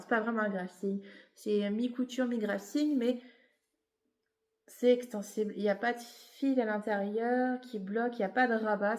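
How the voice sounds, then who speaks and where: Pitched fairly high and a touch mellow, this woman's voice carries reverberation from the space. Tired and sniffly with a cold, the knitting vlogger gives a loose, talkative show-and-tell, stumbling over fillers and fixing her own words as she goes.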